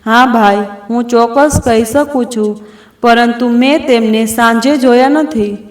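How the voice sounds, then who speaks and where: A woman's voice: on the high side, a little slow, reverberant, natural voice. A woman voicing a helpful male shopkeeper who speaks in a matter-of-fact way.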